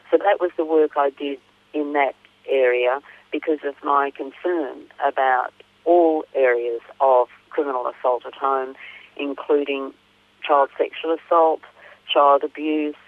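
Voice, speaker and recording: A woman gives explanatory answers as an interview guest. Her voice is low for a woman and comes through a thin, narrow phone line with no room sound. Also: dry recording. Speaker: interview guest, author and academic. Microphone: telephone.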